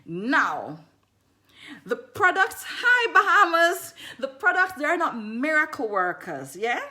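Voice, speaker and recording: Speaking slowly in a high voice, an animated Jamaican woman chats casually on a livestream where she sells skincare as an herbalist. She breaks off mid-sentence to greet viewers and repeats her phrases.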